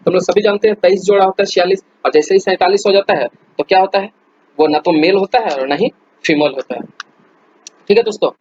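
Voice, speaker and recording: A man's voice: high-pitched, fast talker, a little mellow, dull audio, a little hiss or hum. A man teaching a general science quiz lesson in a chatty, informal way, with many fillers and restarts and calling his viewers friends. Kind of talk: casual explainer lesson.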